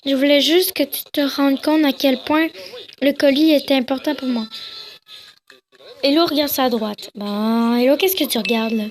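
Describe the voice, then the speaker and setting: A woman's voice: high-pitched, normal speed. A young woman casually playing a game, reading its dialogue aloud with joking, crude asides and giggles. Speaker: gamer.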